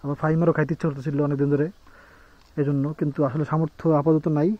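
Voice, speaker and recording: A young man talks to the camera in a relaxed family vlog, recorded outdoors at a rural home. His voice sits high and his words tumble out quickly. The audio is dull and lo-fi, like a phone recording. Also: a crowd in the background. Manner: chatty, coaxing with his small son, talks to viewers directly. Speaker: family vlogger. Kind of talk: casual family vlog chat.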